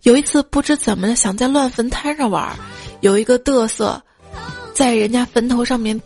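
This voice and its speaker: A woman's voice: on the high side, fairly quick, a little mellow, soft background music. A woman hosting a casual joke show, telling funny stories in a playful, giggly way. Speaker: podcast host.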